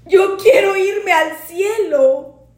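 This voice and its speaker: A woman's voice: very high voice, drawn-out words, pitched above the performer's own voice, full character voice. A woman voicing a grieving orphaned young schoolboy who speaks in a tearful, pleading way. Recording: roomy echo.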